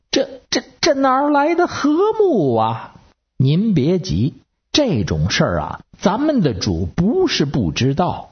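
Preacher. Husky, folksy storyteller, lots of rhetorical questions, on a dull lo-fi recording. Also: mid-range voice. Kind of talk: conversational sermon.

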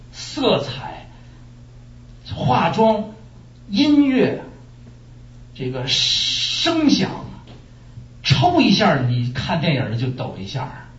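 Pastor, man from China, lively sermon voice, fairly high, heard from afar with dull sound. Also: a little hiss or hum. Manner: animated storytelling with rhetorical questions. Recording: echoey room, distant muffled mic.

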